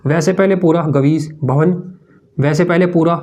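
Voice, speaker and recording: A man's voice: fairly high pitch, measured pace, a little mellow. A male teacher explaining Hindi grammar for an exam-prep class, repeating each point and calling the students "brother". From India.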